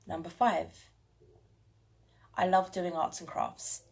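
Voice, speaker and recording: A woman's voice: on the low side, little pitch movement, takes it slowly, vocal fry. Chatty woman talking to camera. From London, England. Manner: chatty, self-mocking, laughs often. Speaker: channel host. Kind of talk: casual chat to camera. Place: home room with bookshelves.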